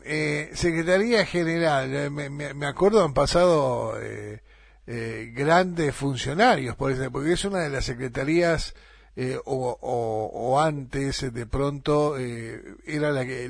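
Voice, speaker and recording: Argentine radio host guy, gravelly and a bit high, halting, lots of ehs. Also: no room sound, clean studio sound. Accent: Argentine Spanish. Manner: reminiscing, halting with fillers. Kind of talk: radio interview.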